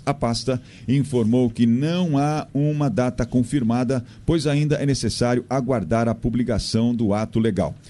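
A man from Brazil reading a radio news bulletin in a steady voice, with the odd filler. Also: mid-range voice.

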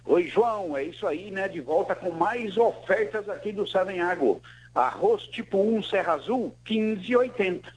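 A Brazilian man with a high voice presents offers live on the radio. He reads items and prices in a promotional style. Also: rough recording.

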